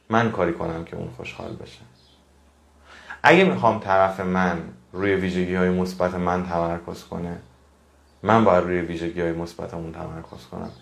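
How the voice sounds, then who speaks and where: A man's voice: low voice, gravelly, echoey room. A man giving a motivational talk to his audience, earnest and preachy, repeating phrases for emphasis. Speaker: motivational speaker.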